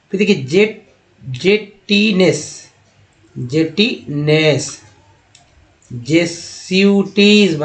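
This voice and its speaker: A man giving a slide-based reading lesson, spelling words letter by letter, then sounding them out slowly and talking to viewers as friends. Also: a little high. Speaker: English teacher.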